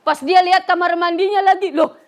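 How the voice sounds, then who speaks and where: A middle-aged woman preacher from West Java giving a humorous religious lecture, telling stories lively and laughing often. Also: very high-pitched, a little fast. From West Java, Indonesia. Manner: lively storytelling, acting out characters, frequent laughter. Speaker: female Islamic preacher.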